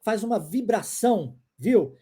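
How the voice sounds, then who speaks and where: A woman's voice: mid-range voice, animated, measured pace, dark tone, breathy edge. A woman with a Brazilian Portuguese accent teaching an online pronunciation lesson. She repeats her examples and checks in often with her viewers. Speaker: English teacher.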